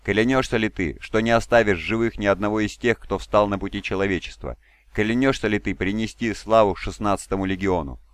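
A man's voice: lowish voice, fairly quick, no room sound, close to an everyday voice. A man voicing a bold, cheeky young male warrior who speaks forthrightly. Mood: solemn.

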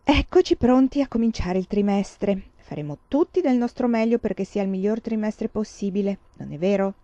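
A woman's voice: mid-range voice, expressive, moderate pace, mellow, dry recording, natural voice. A woman voicing a young schoolteacher who is sweet, coaxing and talks on and on without stopping. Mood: sugary. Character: sugary, overly cheerful young schoolteacher woman. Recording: slightly dull, dry recording.

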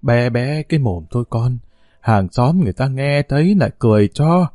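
A man voicing a worried, soft-spoken old grandmother in an audio story. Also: medium pitch, lively intonation, normal speed, no echo, clean studio sound, lightly acted. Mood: weary.

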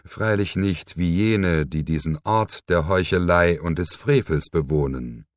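A man's voice: sits low, a little slow, no echo, clean studio sound. A man voicing a mocking, menacing villain who sneers and hisses, in an audiobook reading. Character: mocking sinister man, cold cult leader.

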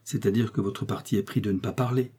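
A man's voice: on the low side, fairly even intonation, quick pace, warm tone, slightly rough. A man voicing a resolute young man who questions firmly and presses for the truth. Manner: firm, pressing.

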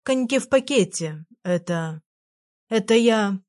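A woman reading aloud, voicing a shy, tongue-tied teenage boy who speaks slowly and hesitantly. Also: medium pitch, animated. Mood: bashful. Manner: hesitant, slow, quiet.

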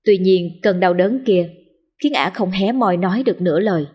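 A woman storyteller reading a horror tale in a steady, dramatic narrating voice. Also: lowish voice, normal speed, breathy edge.

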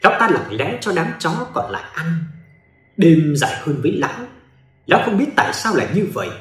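A man narrates a ghost story in a dramatic storytelling manner. His voice is slightly high and swings widely in pitch. The recording has a roomy echo. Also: very animated, brisk, soft background music.

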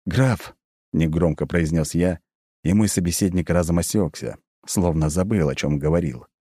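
A man reading first-person audiobook narration in a calm, measured way. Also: low-pitched, breathy edge, no room sound, clean studio sound.

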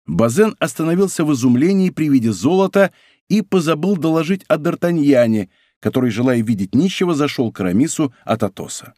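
A man narrating an audiobook in an expressive, theatrical reading on a close studio mic. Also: fairly high pitch, fairly quick, no echo.

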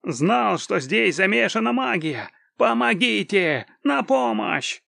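A man voicing a captured bandit spy who talks in a hoarse wheeze. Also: fairly high pitch, expressive, slow pace, no room sound, clean studio sound, heavily acted. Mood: panicked. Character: wounded bandit spy, sullen then panicking man.

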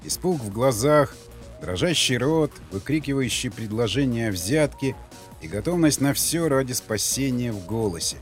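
A man's voice: mid-range voice, expressive, normal speed. Male audiobook narrator, faint music. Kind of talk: scripted narration.

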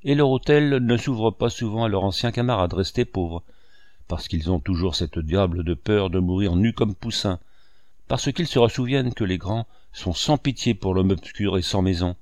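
A man's voice: deep voice, moderate pace, a little mellow, no echo, studio quality, close to an everyday voice. A man reading aloud, voicing an aging male painter who muses wryly and wistfully to his housekeeper. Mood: wry musing. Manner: wry musing monologue addressed to a housekeeper.

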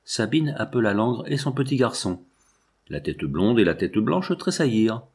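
A man narrating a novel aloud as an audiobook reader, in a measured, even way. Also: medium pitch, breathy edge.

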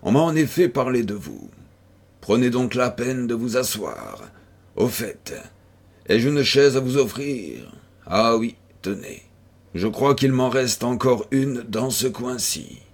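A man's voice: mid-range voice, animated, slow pace, vocal fry, breathy edge, heavily acted. A feverish, melancholy recluse, as a man reads him. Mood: weary. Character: feverish, melancholic young male recluse, bitter.

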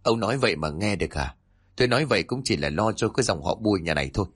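A man's voice: on the low side, expressive, very fast, a bit bright, husky. A man voicing a scheming, scolding old mother-in-law. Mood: indignant. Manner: scolding, grumbling.

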